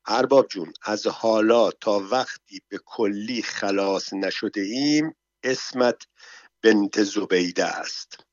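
A man's voice: lowish voice, no echo, lightly acted. A man reading a storybook, voicing a sly, cheerful male servant who coaxes his master along, on a dull, dry recording. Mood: coaxing. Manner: coaxing, lively, in broken foreign phrases.

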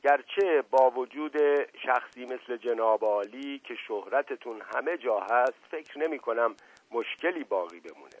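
A man voicing a sly, flattering middle-aged father in a story reading, smooth-talking. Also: medium pitch. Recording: dry, slightly dull audio.

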